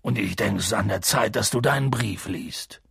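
A man voicing a huge, hot-tempered but kindly male giant who growls and bellows in a raspy, gravelly voice. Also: normal speed, fairly bright tone, no room sound, clean studio sound, full character voice. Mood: gruff, kindly. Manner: booming outbursts swinging between growls and bellows.

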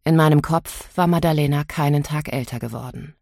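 A woman narrating a novel in the first person, in a measured, inward storytelling manner. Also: deep voice, creaky, warm tone, no room sound. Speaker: audiobook narrator.

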